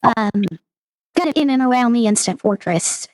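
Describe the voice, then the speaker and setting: A woman's voice: a little high, expressive, moderate pace, darkish tone, no room sound. A woman game master narrating a tabletop roleplaying game in a descriptive, scene-setting way.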